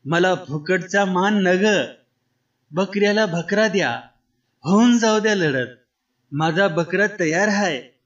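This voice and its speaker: A proud village ram owner rises high and loud as he throws down his challenge, voiced by a male storyteller. His voice is slow and ringing. The recording is dull and lo-fi. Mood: defiant.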